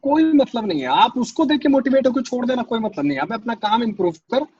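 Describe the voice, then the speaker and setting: A man's voice: very high voice, very animated, quick pace, darkish tone, slightly rough, no room sound, dull audio. A man, a guest in a casual interview, telling stories animatedly, acting out quotes and cracking crude jokes. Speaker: assistant director guest. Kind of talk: casual conversation.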